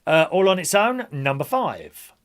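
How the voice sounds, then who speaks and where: A man hosts a bingo night as its caller, in a notably high voice. His pitch leaps about in a sing-song way as he calls the numbers. He is a jokey, chummy showman who mixes rhymes with banter. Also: big pitch swings, measured pace, fairly bright tone. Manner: chummy, addresses players as gang and my loves.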